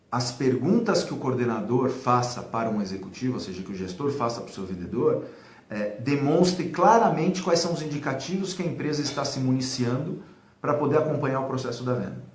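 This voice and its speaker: A man talking casually and animatedly about sales management, acting out little dialogues and using many fillers. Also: medium pitch. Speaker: sales consultant guest. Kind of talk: casual advice talk. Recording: echoey room, faint background noise.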